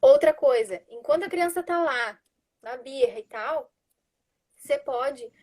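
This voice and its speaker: High-voiced woman explaining calmly. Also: unhurried. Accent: Brazilian Portuguese. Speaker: guest parenting educator. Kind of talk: explanatory live chat.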